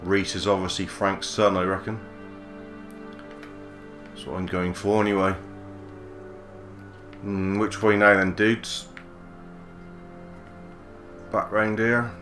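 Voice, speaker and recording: Low flat-voiced gamer. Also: male voice, takes it slowly, long pauses, faint music behind. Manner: relaxed musing, mild swearing. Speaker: gaming channel host. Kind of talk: let's play commentary.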